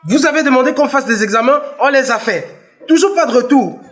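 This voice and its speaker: Actor plays an insistent young son, Cameroonian accent, animated pitch, confrontational. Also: male voice, brisk, faint music behind. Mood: impatient. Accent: Cameroonian French. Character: impatient young adult son, demanding answers. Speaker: son of the patient.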